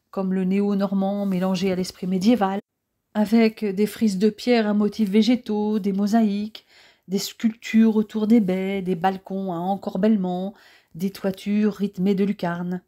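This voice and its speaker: A woman narrating an audiobook in a calm, measured reading. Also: mid-range voice. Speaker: audiobook reader.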